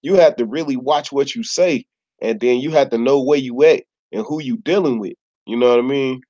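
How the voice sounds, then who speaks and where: A YouTuber from Chicago, with a Chicago accent, talks casually to camera in a laid-back, slangy storytelling style, saying "you know what I'm saying" a lot. His medium-pitched, mellow voice runs a little fast, and the lo-fi recording sounds slightly dull.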